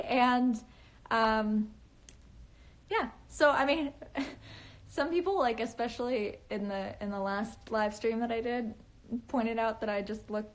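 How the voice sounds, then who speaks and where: A young woman chatting on a casual livestream from home, talking in a nervous valley-girl way with lots of fillers and restarts. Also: on the high side. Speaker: author livestreaming to fans. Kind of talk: casual livestream chat, reading comments. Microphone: phone.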